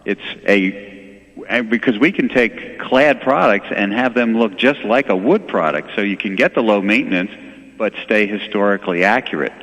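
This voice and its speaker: A man's voice: lowish voice, normal speed, fairly bright tone, in a large hall, poor audio. A man giving explanatory sales talk as an expert guest in a radio interview. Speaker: window and door company expert, guest.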